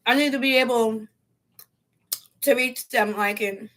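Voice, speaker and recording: Eating and chewing as she talks, a solo vlogger chats casually on a livestream from home in a slangy, playful, opinionated way. Her voice is fairly high, a bit bright and steady in tone, at a measured pace.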